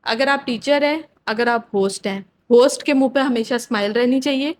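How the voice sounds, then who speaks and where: Podcast guest: young adult woman, high-pitched, frank and opinionated, casual. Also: darkish tone, slight background noise. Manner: opinionated, mixes in English words. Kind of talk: casual chat.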